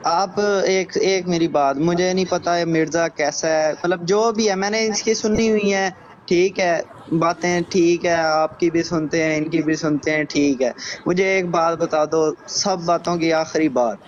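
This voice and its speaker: टूटती-कटती call आवाज़ में आदमी. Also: male voice, a little high, steady tone, measured pace. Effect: choppy call audio that keeps cutting out. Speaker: caller on a live stream. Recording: dull lo-fi online call with faint noise.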